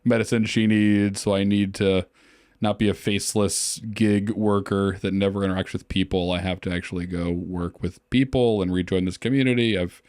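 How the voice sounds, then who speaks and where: A man co-hosting a casual podcast chat, jokey and quick to laugh. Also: sits low, fairly even intonation, darkish tone, no echo, studio quality. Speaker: podcast co-host.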